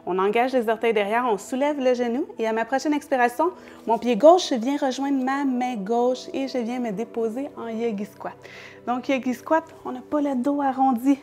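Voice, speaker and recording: A yoga teacher with a Quebec French accent leads a class at normal speed, her voice fairly high. She gives calm instructions one step at a time, laughing lightly every so often.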